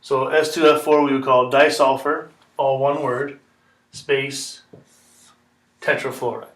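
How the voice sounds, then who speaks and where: A man's voice: mid-range voice, level tone, takes it slowly, a bit bright. A man teaching a chemistry lesson step by step, patient and repetitive, checking in with "okay?". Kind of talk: classroom lesson explanation. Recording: echoey room, mic far off.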